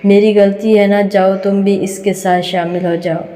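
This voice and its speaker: A quick-tempered young student mutters in indignation, read by a woman storyteller. The voice is dark and level. A long room echo surrounds it. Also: medium pitch, little pitch movement, lightly acted. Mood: indignant. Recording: reverberant room.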